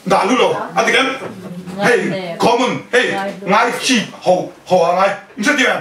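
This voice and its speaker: 男人, 讲道, 嗓音偏高, 离麦克风远, 发问听众, 夹杂英语词. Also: male voice, high-pitched, moderate pace, a crowd in the background. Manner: keeps questioning the listeners; mixes in English words. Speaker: preacher. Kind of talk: sermon at a house fellowship. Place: indoors at a home fellowship. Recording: echoey room, voice from a distance.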